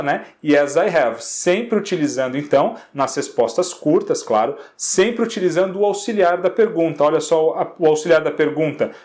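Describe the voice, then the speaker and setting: A man's voice: on the high side, a little mellow. A male teacher from Brazil patiently walking students through an English exercise in Portuguese, checking in with constant rhetorical questions.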